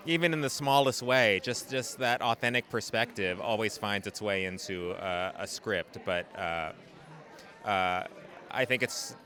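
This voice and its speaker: A man giving a red carpet interview, speaking haltingly and repeating words as he searches for phrasing. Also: fairly low pitch, bright, forceful tone. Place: red carpet at an awards event.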